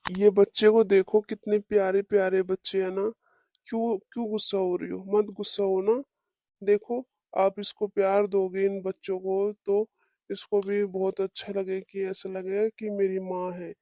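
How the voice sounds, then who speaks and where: Woman voicing a gentle cartoon dad, soothing and coaxing, mellow voice, dull dry recording. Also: mid-range voice, level tone, normal speed, no echo, natural voice. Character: gentle father of two, soothing.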